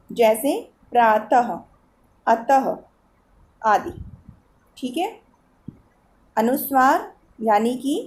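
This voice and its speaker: A woman schoolteacher with a high, warm voice and an Eastern Uttar Pradesh Hindi accent explains a Hindi grammar lesson to children. She patiently asks them questions as she goes along.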